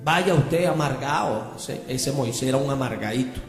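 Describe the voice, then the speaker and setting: A man's voice: mid-range voice, normal speed. A man preaching a sermon as pastor, emphatic, throwing rhetorical questions at the congregation. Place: church. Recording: echoey church hall with music.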